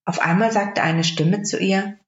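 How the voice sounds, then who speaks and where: Female storyteller reading a fairy tale, calm and measured. Roomy, dull lo-fi take. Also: medium pitch.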